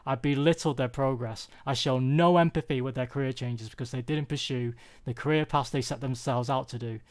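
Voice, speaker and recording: This young British man, UK-born, has a mid-range voice and a steady tone. He offers an earnest, confessional personal talk that he prepared beforehand, phrasing things deliberately.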